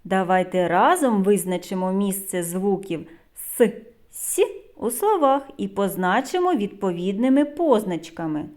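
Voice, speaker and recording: A woman with a Ukrainian accent, a preschool teacher giving a phonics lesson to young children in a slow, clear, sing-song voice. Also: medium pitch, lively intonation, a little mellow.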